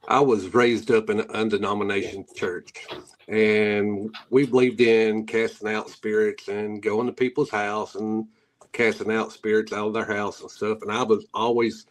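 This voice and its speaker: Low-voiced man with a hillbilly Appalachian drawl. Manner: folksy, rambling, rural grammar. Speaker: guest, paranormal investigator. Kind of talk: casual interview storytelling.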